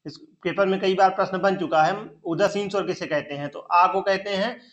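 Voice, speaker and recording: A man's voice: high-pitched, steady tone, a little fast, a bit bright. A man teaching an online Hindi grammar lesson for teaching exams, repeating each term and asking the viewer questions as he goes. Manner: repeats terms and quizzes the listener with questions. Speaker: Hindi teacher for exam preparation. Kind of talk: online exam-prep lesson.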